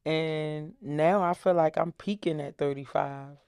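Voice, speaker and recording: A woman's voice: low-pitched, steady tone, measured pace, a little mellow, clean tone, dry recording, studio quality. A woman in her thirties, a guest author, chatting in an upbeat way on a podcast. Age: 30s. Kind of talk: casual chat.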